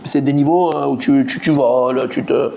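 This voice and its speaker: Un homme rabbin qui donne un cours de Talmud animé, interroge ses élèves et répète ses mots en s'emportant. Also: male voice, moderate pace, vocal fry, slight background noise. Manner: animated, quizzes the students, repeats words, rising pitch when excited. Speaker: rabbi teaching a Talmud class. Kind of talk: lively Torah class.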